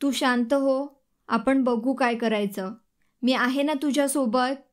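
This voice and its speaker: A woman voicing a caring young husband in an audiobook, gentle and coaxing. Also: sits high, fairly even intonation, slow. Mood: soothing. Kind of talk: audiobook dialogue reading.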